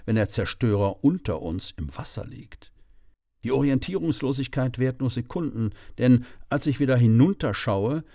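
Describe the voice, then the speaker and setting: A middle-aged man calmly narrating a first-person audiobook story in a measured way. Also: on the low side, dry recording, clean studio sound.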